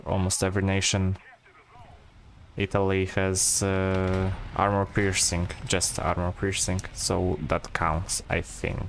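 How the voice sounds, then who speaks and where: Slow, low-voiced man chatting over gameplay. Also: creaky, slight background noise. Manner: relaxed, rambling, many fillers and restarts. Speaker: gameplay streamer. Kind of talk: casual gameplay commentary.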